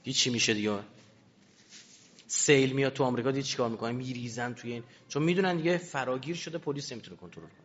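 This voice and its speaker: A man's voice: mid-range voice, a bit bright. Man lecturing emphatically in a reverberant hall. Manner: emphatic, full of rhetorical questions. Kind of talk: lecture to an audience. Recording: reverberant hall, dull lo-fi sound.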